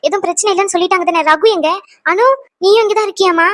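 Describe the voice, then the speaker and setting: Someone voicing a very high, fast anxious young wife. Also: fairly bright tone. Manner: worried, rapid questions. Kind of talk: cartoon voice acting.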